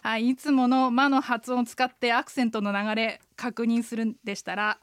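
A woman's voice: a little high, level tone, moderate pace, clean tone, no echo. A woman co-hosting a radio language lesson as an interpreter guide, explaining phrases and tones patiently. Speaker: co-host, interpreter guide teaching Chinese phrases.

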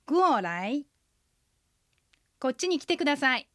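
A woman, an interpreter guide, co-hosting a radio language lesson and leading the listeners through patient, clear pronunciation drills. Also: high-pitched, racing, fairly bright tone, no room sound, studio quality.

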